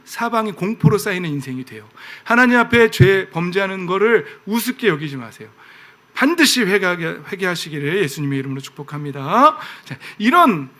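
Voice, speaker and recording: A man pastor preaches in a lively, conversational way and keeps asking his congregation questions. His voice sits high and bright. It swings widely in pitch as he presses each point. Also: fairly quick. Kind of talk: sermon.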